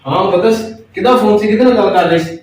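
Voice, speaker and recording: A man acts a high-voiced, complaining husband with a Pakistani Punjabi accent. He is sarcastic and exasperated in the manner of a home comedy skit, recorded at a distance in a very echoey room. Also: fast talker, a little mellow, a little hiss or hum, lightly acted. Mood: matter-of-fact. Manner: complaining, repetitive ranting. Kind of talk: family comedy skit acting.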